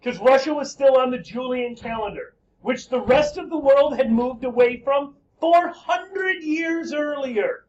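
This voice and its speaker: Male teacher, lively and joking, high voice, slightly muffled classroom recording with faint hiss. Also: measured pace, few pauses. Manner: lively, joking, quizzing students. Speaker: high school history teacher. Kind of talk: classroom lecture.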